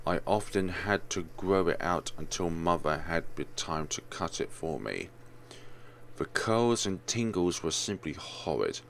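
A man's voice: rumbling low, creaky, a bit bright, a little hiss or hum, exaggerated voice. A man voicing a fussy, vain, sardonic rich man from a visual novel in a theatrical, pompous grumble.

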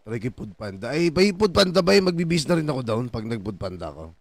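A man's voice: medium pitch, big pitch swings, fast talker, vocal fry, no room sound. A man streaming a role-play game, chatting in character, joking and swearing freely. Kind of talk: casual in-character game chat.

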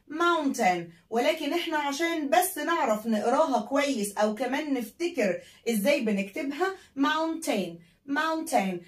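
A woman's voice: high voice, far from the mic. A woman with an Egyptian Arabic accent teaching English vocabulary to children, spelling words letter by letter and repeating them for pupils to say after her. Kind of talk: classroom vocabulary lesson. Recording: echoey room, voice a bit off-mic.

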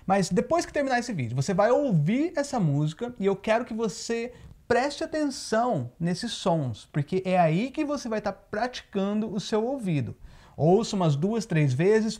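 A man's voice: high-pitched, lively intonation, normal speed, a little mellow. A Brazilian man with a Brazilian Portuguese accent, giving a casual video lesson on English pronunciation and explaining patiently. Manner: explains patiently, often checks in with "tá?". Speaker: English teacher. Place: living in the United States.

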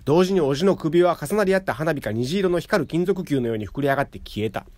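A man with a somewhat high voice reads literary fiction in a calm, measured way. The recording is dry and close, with no room sound. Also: no echo. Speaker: narrator.

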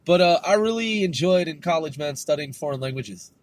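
A middle-aged man with a West Coast accent hosts his own podcast, delivering a rambling, slangy, laid-back monologue packed with swearing and fillers. His voice sits fairly high, with lively intonation and a fairly quick pace, and the recording is dry.

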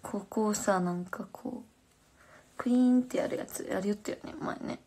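A woman's voice: medium pitch, moderate pace, warm tone. A young woman with a Fukuoka accent chatting casually on a phone livestream, slangy and answering viewer comments. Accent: Fukuoka Japanese.

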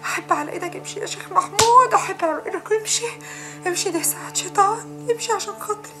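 An actress playing a feisty young village woman, coyly fending off a suitor and pleading to calm a quarrel. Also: extremely high pitch, racing, music in the background. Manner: coy teasing protests, then anxious pleading. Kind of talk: film acting.

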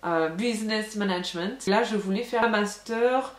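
A young woman from France chats straight to her viewers, frank and loose, with many filler sounds. Her voice sits at an ordinary middle pitch. The room around her rings with noticeable echo. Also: moderate pace. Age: young adult. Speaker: vlogger. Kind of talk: casual storytelling to camera. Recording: echoey room.

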